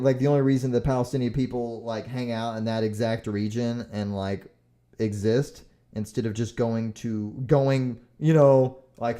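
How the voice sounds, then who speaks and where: A young man with a warm, mid-range voice hosts a solo podcast. He rambles with lots of fillers, swears, and gets heated as he goes on.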